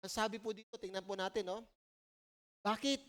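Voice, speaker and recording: A woman with a Filipino accent preaching a sermon at a church service in a conversational, animated way, often checking in with the listeners. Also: mid-range voice, brisk. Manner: conversational, animated storytelling, frequent "po" and "no?".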